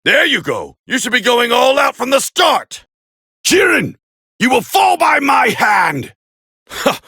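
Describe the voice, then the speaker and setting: The proud prince of an anime fighting game growls forcefully through heavy gravel, his fairly high male voice swinging widely in pitch as he takes it slowly. He starts angry and intense, tossing out clipped, condescending battle comments, then turns grudgingly impressed, all in an exaggerated voice recorded close and dry.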